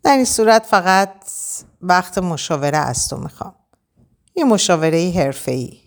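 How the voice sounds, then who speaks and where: A woman's voice: fairly low pitch, very animated. A woman voicing an anxious, spoiled rich young woman who pleads and stammers in an audiobook. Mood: pleading.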